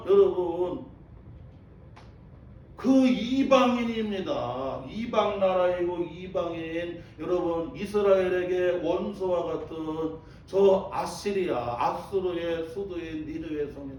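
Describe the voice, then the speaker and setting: A high-voiced male pastor delivers a sermon, calling out to the congregation and repeating phrases for emphasis. He sounds echoey and a little distant, as if picked up by a microphone across a church. A faint hum of room noise sits underneath. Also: a little mellow. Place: church sanctuary.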